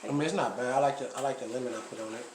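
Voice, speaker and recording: A man's voice: medium pitch, rapid-fire. A man chatting casually over a meal, dry and a little hesitant about trying new food. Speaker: co-host. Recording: echoey room, loud background noise.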